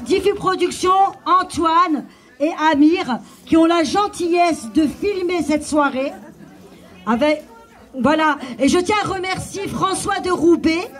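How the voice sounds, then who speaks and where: A woman hosting an open-mic night on stage, chatty and hesitant, with many fillers. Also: high-pitched. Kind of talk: live stage announcing. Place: small live venue with audience.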